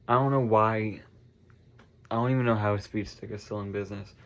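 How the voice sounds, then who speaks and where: A congested American teenage boy vlogs casually to the camera in a fairly low, steady voice at a normal speed. He rambles and meanders, leaning heavily on "like" and "um" and correcting himself often.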